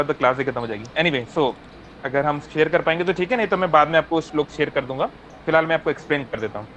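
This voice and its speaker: A man's voice: a little high, a bit bright, a little hiss or hum, poor audio. Man teaching a devotional class by phone. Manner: explanatory, asks "है ना?" often, mixes English phrases.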